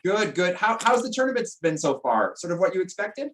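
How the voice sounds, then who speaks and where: A chatty man hosts a casual online interview, his voice sitting a little high for a man. He jokes with his guests and often restarts his sentences as he goes. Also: big pitch swings, fairly quick, background noise. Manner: chatty, jokey, trailing restarts. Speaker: interview host.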